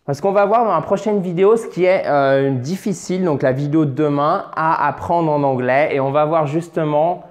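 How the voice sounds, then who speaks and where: Male language teacher, higher-pitched, patient, repeats words slowly, chatty self-corrections. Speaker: English teacher. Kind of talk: French-language English lesson at a board.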